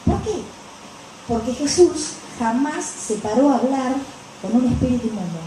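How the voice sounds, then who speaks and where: A woman's voice: high voice, expressive, normal speed, noisy background. A woman with a Rioplatense Spanish accent preaching a conversational sermon and acting out the quoted speech of the people in her story. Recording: very echoey room, distant mic.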